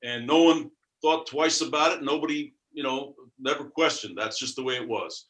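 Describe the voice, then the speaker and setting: A man, a baseball umpire on a panel, answering a question in a thoughtful, measured way. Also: mid-range voice, fairly bright tone, low-quality recording.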